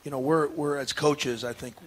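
A man's voice: fairly high pitch, fairly even intonation, moderate pace, slight background noise. A man, a head basketball coach, talking earnestly in a casual radio interview, with many restarts and fillers. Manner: earnest, emotional.

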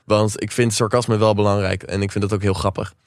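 A man's voice: on the low side, fairly quick, dry recording, clean studio sound. A young Dutch man in his twenties co-hosting a student podcast, teasing his friends and reading out listener questions. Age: 20s. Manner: relaxed, teasing, hosts the segments. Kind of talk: casual chat.

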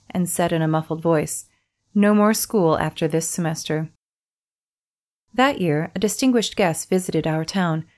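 A woman reading a first-person life story aloud in a steady narrating voice. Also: on the low side. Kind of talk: scripted narration.

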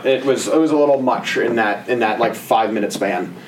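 A man's voice: mid-range voice, a little fast, recorded from a distance, a little hiss or hum, poor audio. A man co-hosting a casual movie-review podcast, sarcastic and swearing, mimicking characters' lines. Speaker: podcast co-host.

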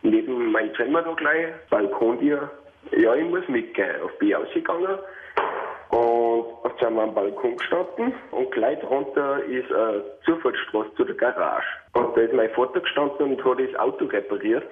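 A man's voice: mid-range voice, animated, moderate pace. Austrian male caller, laid-back storyteller, phone line sound. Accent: Austrian German. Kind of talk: telling an anecdote on air.

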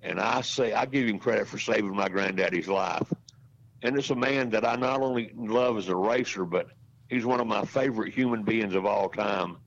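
A man's voice: fairly low pitch, moderate pace, gravelly, slight background noise. A man in his sixties, a racetrack announcer, telling rambling, folksy stories as a podcast guest. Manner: folksy, rambling anecdotes with restarts. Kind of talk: casual storytelling in a podcast interview. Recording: dull lo-fi audio.

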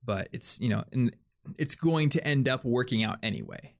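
A young man hosts a relaxed podcast chat in a creaky, mid-pitched voice at a moderate pace. He rambles while working through his ideas, relying on fillers and restarting sentences as he thinks aloud.

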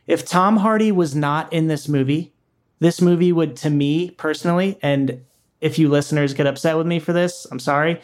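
Higher-voiced man, earnest film-talk co-host. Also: normal speed. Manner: earnest, opinionated, hesitant restarts. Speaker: podcast co-host. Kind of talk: casual film-review chat.

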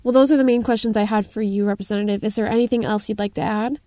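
A woman radio host asking measured interview questions in a calm way. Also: medium pitch, dry recording, studio quality.

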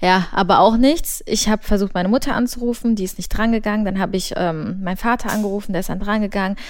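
A woman's voice: mid-range voice, fast, no echo. A young woman co-hosting a podcast, talking in a chatty, casual way and often chiming in. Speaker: podcast co-host. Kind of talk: casual chat.

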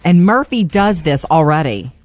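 A woman's voice: sits low, big pitch swings, moderate pace, darkish tone, soft background music. A woman hosting a casual radio show segment on entertainment news, chatty and upbeat, laughing easily.

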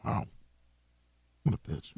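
A man's voice: takes it slowly, darkish tone, dry recording. A man chatting casually as one of a podcast panel. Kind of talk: casual chat.

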